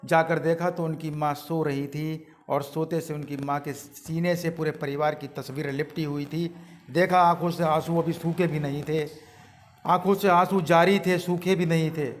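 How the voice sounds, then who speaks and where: A man's voice: on the high side, slight background noise. A man narrating a moral story with earnest, emphatic repetition.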